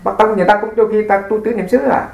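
A Buddhist monk teaches at a rapid clip in a fairly high voice. He talks in an explanatory way and keeps checking with rhetorical asides. The room around him is echoey. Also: fairly even intonation, vocal fry, a little mellow, a little hiss or hum. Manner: explanatory, rhetorical asides, sprinkles English words. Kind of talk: dharma talk with questions.

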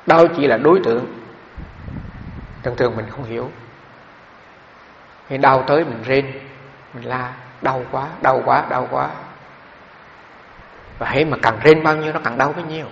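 A man's voice: medium pitch, fairly bright tone, slight background noise. A middle-aged man, a Buddhist monk, giving a dharma talk in a loose storytelling way full of fillers. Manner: conversational storytelling with frequent fillers. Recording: echoey hall, dull lo-fi sound.

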